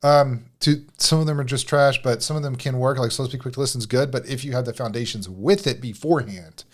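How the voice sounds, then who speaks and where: A man's voice: medium pitch, quick pace. A man co-hosting a casual talk about marriage, speaking bluntly and rambling with many fillers. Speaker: marriage coach, co-host.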